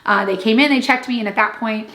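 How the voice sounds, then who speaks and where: A woman's voice: on the high side, fast talker, fairly bright tone, roomy sound. A young woman telling a personal story in a casual vlog, chatty and laughing, with lots of fillers and quoted asides. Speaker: vlogger.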